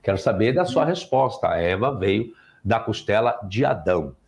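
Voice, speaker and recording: A man with a Brazilian Portuguese accent lecturing and chatting with viewers as host of a live stream, often ending points with a quick "tá?". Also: lowish voice, creaky. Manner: lively, lecturing, frequent "tá?" tags. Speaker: teacher hosting a live stream.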